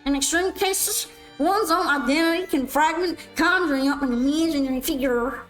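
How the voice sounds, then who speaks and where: Girl putting on a high nerdy guy voice, snorty and wheezy, lecturing like a know-it-all, faint music behind. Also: moderate pace, fairly bright tone, low-quality recording. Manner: lecturing, pedantic. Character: snorty male nerd with poor breathing.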